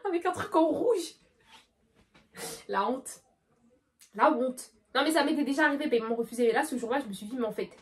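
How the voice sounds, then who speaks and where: A teenage girl vlogger with a high, bright-pitched voice tells a storytime. She retells everything dramatically and breaks into loud outbursts. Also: expressive, rapid-fire, few pauses. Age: late teens. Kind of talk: storytime vlog.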